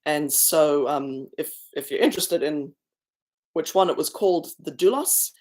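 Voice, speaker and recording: A woman's voice: sits low, measured pace, a little mellow. A woman from South Africa with a mixed South African and New Zealand accent, chatting casually on a livestream from a rural house and answering viewers' comments. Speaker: singer hosting a livestream. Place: rented rural schoolhouse with a lake view.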